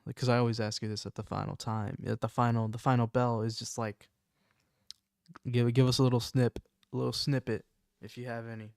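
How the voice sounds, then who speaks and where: A man's voice: medium pitch, gravelly, clear, resonant tone, dry recording, clean studio sound. A man hosting a live stream, chatting casually and rambling with lots of "like" and "um". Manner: rambling, lots of likes and ums. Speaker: livestream host.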